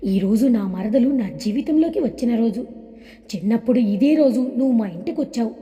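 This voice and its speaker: A woman voicing a tender, lovesick young man in an audio story, reading his lines in her own high voice with an affectionate, wistful manner. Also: animated, fairly quick, dark tone, natural voice. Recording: long hall reverb.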